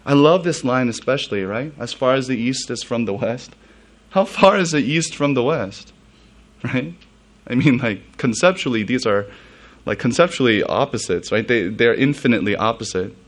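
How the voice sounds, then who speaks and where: A man, a pastor, giving a sermon in a relaxed, conversational style with asides and questions to the congregation. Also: mid-range voice, moderate pace. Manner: conversational preaching with asides and soft laughs.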